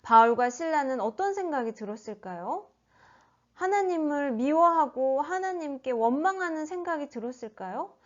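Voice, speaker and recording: A woman teaching a children's sermon, telling a Bible story in an animated way and asking the children questions. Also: high-pitched, moderate pace. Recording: dull lo-fi recording.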